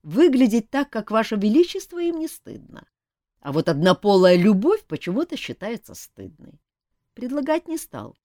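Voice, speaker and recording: A woman's voice: a little high, moderate pace, no echo, studio quality, pitched above the performer's own voice. A woman reading as a cheeky male jester. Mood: teasing. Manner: animated, teasing, pleading. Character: young male court jester, lively and cheeky. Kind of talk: audiobook reading.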